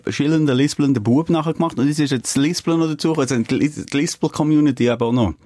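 A man's voice: fairly high pitch, rapid-fire, dark tone, no echo, clean studio sound. A man with a Swiss German accent co-hosting a podcast in casual chat, with playful, wry banter. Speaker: podcast co-host.

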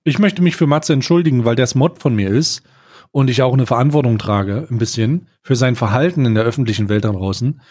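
A man co-hosting a relaxed podcast, trading banter and wry mock-official remarks. His voice sits at a middle pitch and stays conversational. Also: brisk, no echo. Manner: dry, mock-formal ironic asides. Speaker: podcast co-host. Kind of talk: casual banter.

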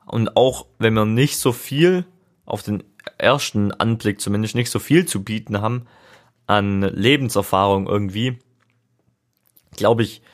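A man's voice: lowish voice, unhurried. A young man talking casually and reflectively on a solo podcast, thinking aloud in an informal, rambling way. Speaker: podcast host. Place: seated, leaning back in a chair.

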